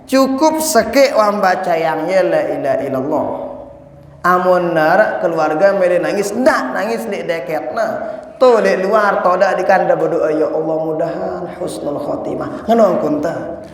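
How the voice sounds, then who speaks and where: A man preaching an animated sermon, speaking straight to his congregation and chanting lines of the creed. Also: sits high, a little slow. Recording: echoey hall.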